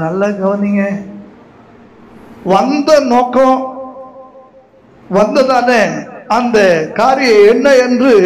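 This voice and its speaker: A male pastor preaching a sermon, questioning his congregation and repeating phrases for emphasis. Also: very high-pitched. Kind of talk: Tamil sermon with scripture reading. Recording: echoey hall.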